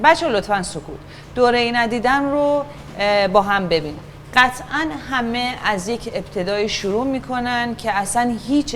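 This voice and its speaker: A woman teaching a children's acting class, patient and encouraging, giving instructions and asking the class to keep quiet and pay attention. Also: mid-range voice, a little hiss or hum.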